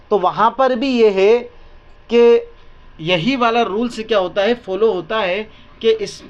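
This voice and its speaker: A man teaching Quran reading step by step, asking questions and repeating each word slowly for the listener. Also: high-pitched, lo-fi sound. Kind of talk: step-by-step lesson with call-and-response questions.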